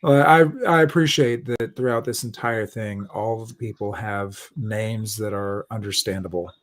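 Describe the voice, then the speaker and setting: A man in a casual online book club who rambles, with throat-clearing and trailing asides. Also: lowish voice, moderate pace.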